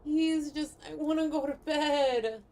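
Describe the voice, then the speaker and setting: A high-pitched woman playing a tabletop game. She chats casually and drops wry, joking asides, with music behind her. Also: measured pace, darkish tone. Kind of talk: casual chat during tabletop role-play.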